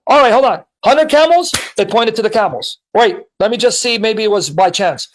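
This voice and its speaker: A man hosting a heated call-in debate, pressing his caller with rapid rhetorical questions and reading passages aloud. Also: high-pitched, a little hiss or hum, low-quality recording. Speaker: host.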